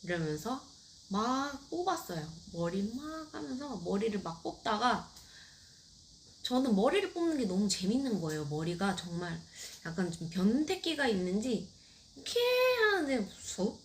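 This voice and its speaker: A middle-aged woman talking casually and candidly, with a lively voice that rises and falls a lot. She speaks with a light sense of humor. A faint hum of room ambience sits behind her. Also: mid-range voice, moderate pace. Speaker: cancer patient vlogger. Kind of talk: casual personal storytelling.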